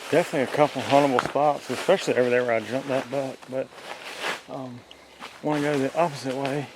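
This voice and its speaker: A man giving casual, low-key murmured commentary as he scouts the woods as a hunting vlogger. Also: steady tone, fast. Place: outdoors in woods on ridges. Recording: noisy outdoor field audio.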